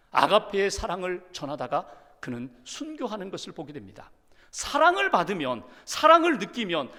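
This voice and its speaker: A male pastor preaching a sermon in a church, animated, building repetitions and asking rhetorical questions. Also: sits high. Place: church sanctuary. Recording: long hall reverb.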